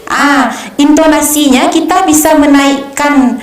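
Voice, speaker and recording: A woman's voice: high-pitched, a little slow, echoey room. A young woman coaching speech contest skills, explaining with examples and frequent hesitations. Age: young adult. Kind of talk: conversational lesson.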